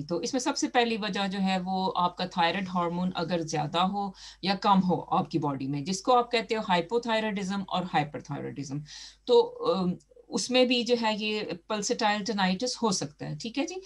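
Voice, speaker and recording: A woman doctor explaining a health topic in a chatty way, with many fillers and restarts. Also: fairly low pitch.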